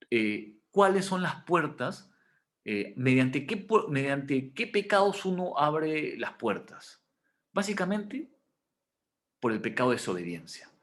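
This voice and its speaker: Guy teaching bible class, animated pitch, explains slowly and keeps checking students follow. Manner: explanatory, frequent "o sea" and "¿ok?" check-ins; answers students' questions.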